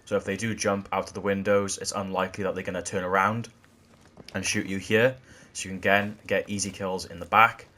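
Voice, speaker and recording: A man walking through video game tactics in a gameplay tutorial, explaining in a steady way that often repeats "again". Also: deep voice, a little fast, slight background noise. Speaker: gaming channel host.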